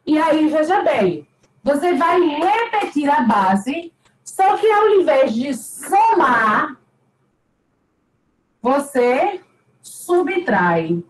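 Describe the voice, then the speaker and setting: A woman with a high voice explains a math lesson at an unhurried pace. She goes over each step patiently and repeats the main points with emphasis. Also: very animated, reverberant, rough recording. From Brazil. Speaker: math teacher.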